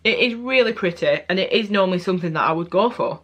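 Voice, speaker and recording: A woman's voice: on the low side, expressive, fast talker, a bit bright, lo-fi sound. A young woman beauty vlogger giving a casual, candid product review, often correcting herself mid-sentence.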